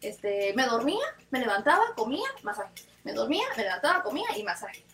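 A woman's voice: on the high side, a little fast, far from the mic, a little hiss or hum. A woman with a Mexican Spanish accent telling a personal story in a casual chat, acting out what people said. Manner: lively, animated retelling with quoted dialogue.

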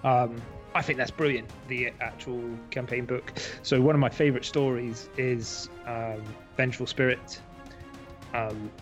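A man's voice: mid-range voice, steady tone, unhurried, faint music behind. A man co-hosting a podcast, talking in a rambling, enthusiastic way with many ums. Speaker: podcast co-host. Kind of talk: casual podcast chat.

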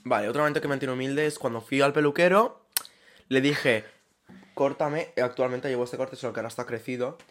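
A young man, co-hosting a casual podcast and telling stories in an animated way, laughing often. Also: mid-range voice, fairly quick. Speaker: podcast co-host. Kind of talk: casual chat.

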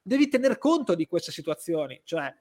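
A man's voice: on the high side, very animated, moderate pace, darkish tone. A man in a casual football discussion, arguing his points in an explanatory way with frequent swearing. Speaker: football fan panelist.

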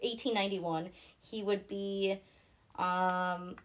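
A woman's voice: medium pitch, fairly even intonation, takes it slowly, a little hiss or hum. A young woman with a Minnesotan accent, co-hosting a casual true-crime chat and talking in a rambling, giggly way with many fillers. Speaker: podcast co-host.

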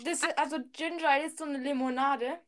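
A woman's voice: sits high, fairly even intonation, quick pace. A woman chatting casually on a podcast, giggly and hesitant.

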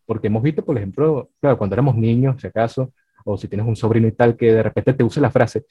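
Husky man hosting an interview. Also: mid-range voice, fast talker, no echo. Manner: rambling, filler-heavy questions. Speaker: interview host. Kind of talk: casual interview talk. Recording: dry dull sound, faint music.

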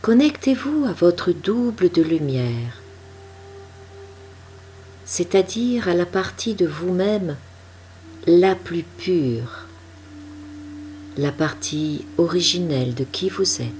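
A woman with a deep, low voice guides a meditation, speaking very slowly and softly. Her instructions come calm and unhurried, with a faint ambient hum behind her.

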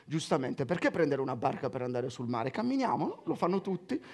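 A man delivers a sermon in a high, lively voice that swings widely in pitch. He reads scripture aloud and keeps cutting in with playful asides to the congregation. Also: a little fast. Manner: animated, joking asides while reading scripture. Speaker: preacher.

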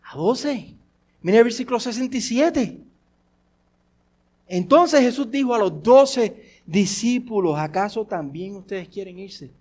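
A man with a notably high-pitched voice preaches a sermon to his congregation. He fires off rhetorical questions, repeats them, and moves from forceful lines to near-hushed ones. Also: expressive, measured pace. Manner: swings between forceful and hushed delivery. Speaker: pastor.

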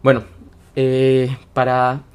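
A man's voice: mid-range voice, completely flat delivery, slow pace, faint music behind. A man hosting a casual motivational talk, speaking in an earnest, coaching way. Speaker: podcast host.

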